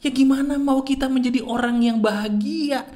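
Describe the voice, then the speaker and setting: A man's voice: extremely high pitch, normal speed. A man giving a motivational talk, teasing and questioning the listener constantly. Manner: animated, keeps firing questions at the listener. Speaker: motivational speaker.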